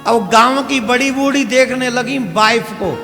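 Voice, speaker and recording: Gravelly, high-voiced male preacher telling a story. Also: a little slow. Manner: animated storyteller, quizzes the audience. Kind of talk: devotional story sermon. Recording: reverberant hall with faint music.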